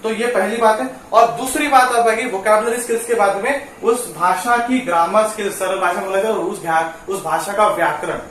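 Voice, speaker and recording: A man's voice: high voice, normal speed, hardly any pauses, a bit bright, slight background noise. A man giving a casual spoken lesson in a chatty way, often checking in with the listener and mixing English phrases into his talk. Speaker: teacher. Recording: echoey room, voice far from mic.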